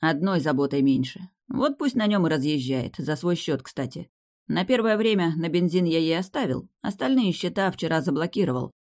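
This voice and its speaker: A narrator voicing a breezy, carefree young duke who gives orders in a lively, offhand way. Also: mid-range voice, moderate pace. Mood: brisk, bossy.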